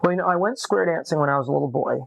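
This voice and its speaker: Fairly high in pitch and gravelly, a man's voice comes through a dry recording. He's a Massachusetts musician in his late forties with a scratchy voice, sitting at a desk in an upstairs apartment room and unhurriedly sharing his life story in a relaxed interview, pausing as he reflects.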